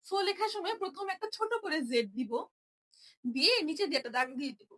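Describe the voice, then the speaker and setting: A woman's voice: very high-pitched, expressive, quick pace, fairly bright tone. A young woman teaching a Japanese writing lesson, explaining each stroke patiently and repeating every sound.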